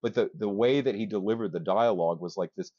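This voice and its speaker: A man co-hosting a casual podcast, rambling excitedly with many restarts and casual swearing. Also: lowish voice, fast talker, no room sound, highs cut off. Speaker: podcast co-host. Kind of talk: casual chat.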